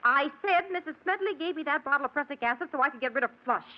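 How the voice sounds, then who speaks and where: An actress in an old-time radio drama playing a bitter, nagging wife with a querulous, complaining delivery. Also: female voice, high-pitched, lively intonation, fast. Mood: peevish, cold. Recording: dull, muffled old radio recording.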